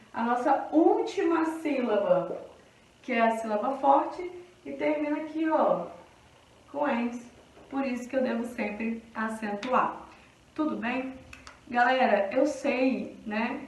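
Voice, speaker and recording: High-voiced Brazilian woman teaching in an echoey room. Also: distant mic. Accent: Brazilian Portuguese. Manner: explanatory, checking in often with the class. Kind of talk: recorded grammar lesson.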